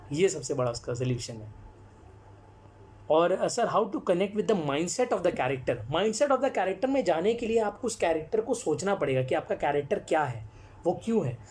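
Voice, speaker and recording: A storyteller and actor, appearing as guest on a live-stream talk, earnestly explains his craft and responds to viewer comments, mixing English phrases into his speech. His voice sits high and is a little mellow, with slight background noise.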